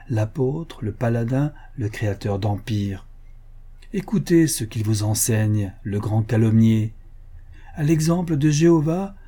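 A man's voice: mid-range voice, mellow, natural voice. A man voicing a zealous bearded prophet who speaks in an impassioned, declamatory way.

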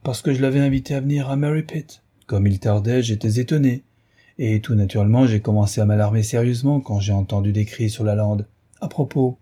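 A man's voice: medium pitch, a little fast, dark tone, breathy edge, close to an everyday voice. A man reading an audiobook aloud, voicing a wary male naturalist who asks probing, overly polite questions. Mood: anxious. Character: smooth, wary male naturalist hiding alarm.

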